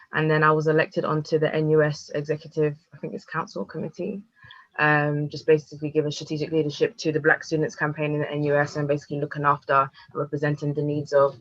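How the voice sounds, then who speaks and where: A woman's voice: low voice, completely flat delivery, fast talker, fairly bright tone, lo-fi sound. A woman, introducing herself as a panel guest in a fluent way with frequent fillers.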